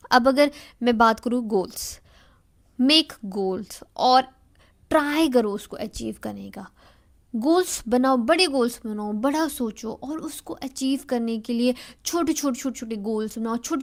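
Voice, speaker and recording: A woman giving earnest motivational advice straight to the listener, repeating phrases for emphasis and mixing in English words. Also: fairly high pitch. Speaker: motivational speaker. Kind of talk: motivational talk to camera.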